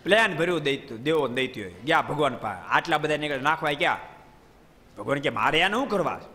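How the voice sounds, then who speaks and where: A man giving a devotional storytelling sermon in a hall, lively and often quizzing his listeners with playful asides. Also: a little high, fairly quick. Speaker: preacher. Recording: long hall reverb.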